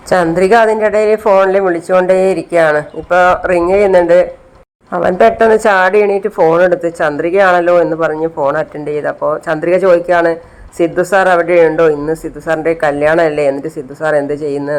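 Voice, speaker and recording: A man recaps a TV serial episode in a relaxed, spoken storytelling way. His voice sits a little high for a man and sounds smooth and clear. He talks steadily and plainly, with the odd hesitation sound. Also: rough recording. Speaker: channel host recapping a TV serial.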